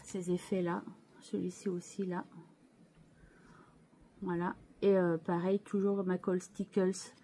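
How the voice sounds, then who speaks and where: Woman, casual craft show-and-tell, slow pace, mellow voice, hesitant with restarts. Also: on the low side, level tone, a little hiss or hum. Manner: hesitant, many fillers and restarts, chatty asides to viewers. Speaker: scrapbooking channel host.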